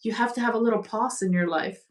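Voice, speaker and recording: Calm woman musing on healing over a video call, mic kinda distant. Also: a little high, quick pace. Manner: reflective, gentle, uses imagery. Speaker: guest. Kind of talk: spiritual conversation.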